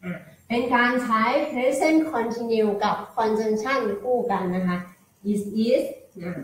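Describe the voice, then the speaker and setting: Thai-accented female teacher, drawn-out model sentences with repeated words, roomy echo. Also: a little high. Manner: polite, patient explaining to children. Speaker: English teacher. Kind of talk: classroom-style English lesson.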